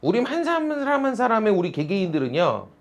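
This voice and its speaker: A man's voice: high voice, huge pitch swings, fast. A male teacher giving a classroom lecture, teasing and calling on students by name.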